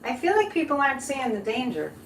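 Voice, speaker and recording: Chatty woman, higher voice, roomy echo. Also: wildly swooping pitch, fast talker. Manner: conversational, addresses listeners directly. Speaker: psychic live-stream host. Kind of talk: casual chat with live viewers. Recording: roomy echo, background noise.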